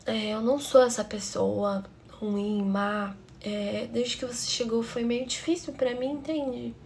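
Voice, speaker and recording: A woman's voice: a little high, fairly even intonation, measured pace, darkish tone, a little hiss or hum. A woman voicing a fake-sweet, scheming young stepsister who pleads in a sugary tone. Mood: falsely apologetic. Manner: sugary, pleading, falsely apologetic.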